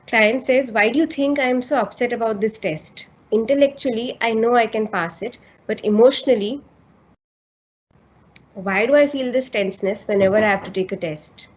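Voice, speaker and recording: A woman's voice: mid-range voice, darkish tone. A woman psychotherapist giving a lecture to trainees, explaining patiently and checking in with her listeners. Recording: slightly dull lo-fi recording.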